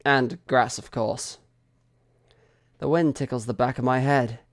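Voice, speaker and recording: A man reading a visual novel aloud in first person, slow and expressive, rising into anxious cries. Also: mid-range voice, dry recording.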